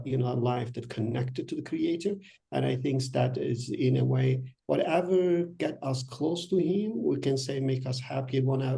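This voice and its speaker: A man with a gravelly, mellow voice answers questions in an online session. He talks haltingly and often stops to search for the right word. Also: medium pitch. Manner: hesitant, searching for words. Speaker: guest speaker.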